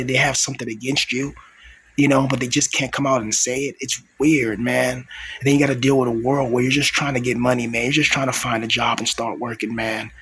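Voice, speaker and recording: A man in his thirties delivering an aggrieved, repetitive confessional vlog monologue in a hushed whisper, keeping his voice down so he is not overheard, with some swearing. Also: mid-range voice, poor audio. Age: 30s. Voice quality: whispered, hushed voice held back to avoid being overheard. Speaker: video blogger. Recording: clear steady background noise.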